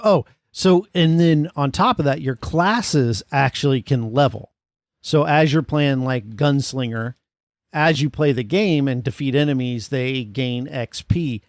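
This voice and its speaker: A man's voice: medium pitch, a little slow, no room sound, clean studio sound. A man hosting a casual gaming podcast, explaining things in a conversational way. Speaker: podcast host.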